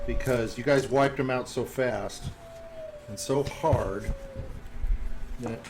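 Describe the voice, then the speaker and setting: Male game master over loud background noise. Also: medium pitch, slow pace. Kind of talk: casual narration of a tabletop game.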